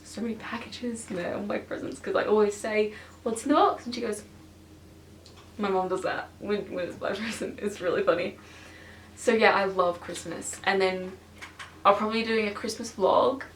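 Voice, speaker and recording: A teenage girl chatting to camera for her vlog, excitable and full of fillers, filmed on a stationary camera in her bedroom. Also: mid-range voice, slight background noise. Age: teens. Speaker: vlogger. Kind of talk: casual chat to camera. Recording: roomy and distant from the camera.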